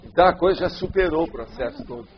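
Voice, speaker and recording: A man's voice: fairly high pitch, quick pace, noisy background. A man with a Brazilian Portuguese accent, answering audience questions in a loose, rambling lecture and often checking that he is understood. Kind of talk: informal lecture Q&A. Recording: dull lo-fi sound.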